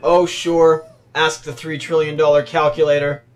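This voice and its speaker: A man playing a monotone robot superhero. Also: a little high, normal speed, close to an everyday voice. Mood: dry. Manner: flat, clipped machine-like delivery. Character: smug male robot superhero, a human calculator. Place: restaurant.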